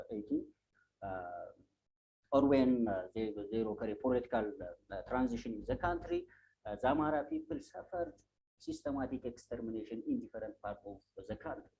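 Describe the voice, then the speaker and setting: Man, Ethiopian accent, soft mellow voice, creaky, hesitant academic answering questions, noisy recording with hum. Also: fairly high pitch. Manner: hesitant, halting, repeats words.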